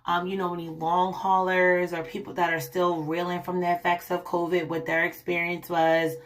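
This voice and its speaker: A young woman vlogging her illness story to camera, rambling with many ums and restarts, her voice raspy from a lingering cough. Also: fairly low pitch, flat delivery, moderate pace. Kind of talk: casual personal story to camera.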